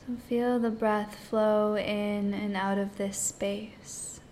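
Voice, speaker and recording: A woman leading a guided meditation in a soft, hushed, partly whispered voice, speaking in short phrases with long pauses. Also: mid-range voice, little pitch movement, slight background noise.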